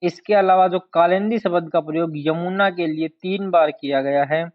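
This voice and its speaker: Slow, deliberate Hindi history teacher, lo-fi. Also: male voice, fairly high pitch. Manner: slow, deliberate, repeats key terms to drill them. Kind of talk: exam-prep lecture. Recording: dull lo-fi sound.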